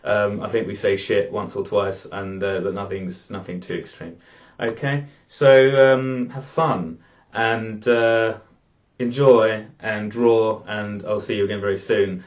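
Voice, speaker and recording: A man hosting a live online drawing class, talking in a relaxed, rambling way with many fillers, over dull video call audio. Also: lowish voice, measured pace. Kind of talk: casual live class introduction.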